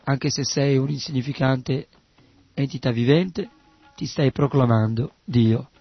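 A man reading a calm, firm magistrate. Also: medium pitch, measured pace, husky, no room sound, highs cut off, soft background music. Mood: admonishing.

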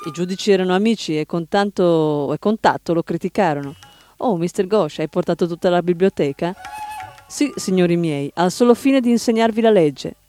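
A man reading the part of an elderly spiritual teacher, firm and emphatic, who flares into sudden shouts. The voice sits high but mellow, over soft music. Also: moderate pace, natural voice.

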